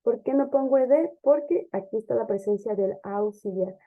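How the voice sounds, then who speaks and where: A woman teacher explaining English grammar step by step, often checking understanding with a quick "ok?" or "¿sí?". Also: fairly high pitch. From Ecuador. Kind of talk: classroom grammar lesson. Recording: dull lo-fi lesson recording.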